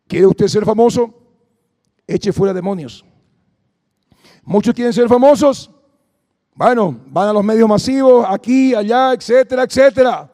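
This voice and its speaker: Brief: male pastor, high gravelly voice, long hall reverb. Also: mellow. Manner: fervent, exhorting, calls to the congregation. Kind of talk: Pentecostal deliverance sermon.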